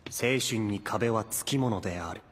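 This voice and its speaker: A man's voice: lowish voice, fast, very noisy, close to an everyday voice. A man voicing a gloomy, cynical teenage outcast boy in an anime, with music behind. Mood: brooding. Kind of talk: Japanese anime voice acting.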